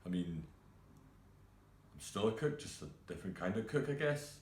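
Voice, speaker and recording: An actor playing a grieving young male cook who talks in a halting, hesitant way full of fillers. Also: fairly low pitch, big pitch swings, darkish tone, roomy sound. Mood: subdued. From Scotland. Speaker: actor performing a monologue. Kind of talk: self-tape monologue.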